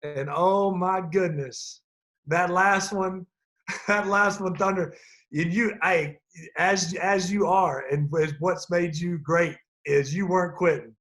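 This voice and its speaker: Middle-aged guy rambling about the old days on a video call, kinda high voice, lots of restarts. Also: steady tone, slow pace, a bit bright. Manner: rambling, many restarts, chuckles often. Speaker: former player on a team reunion call. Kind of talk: casual reminiscing.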